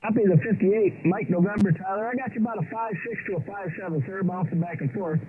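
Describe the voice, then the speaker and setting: A man with a fairly high voice calls out on ham radio, his words clipped and spelled out in the phonetic alphabet. He comes through a shortwave receiver, thin and tinny like a phone line. Steady static hisses under every word. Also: quick pace. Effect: heard through a shortwave radio receiver. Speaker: amateur radio operator calling from a park.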